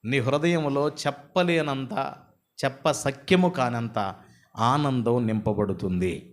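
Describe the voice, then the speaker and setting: A man preaching a storytelling sermon, animated and full of rhetorical questions and repeated lists. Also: medium pitch, takes it slowly. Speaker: pastor.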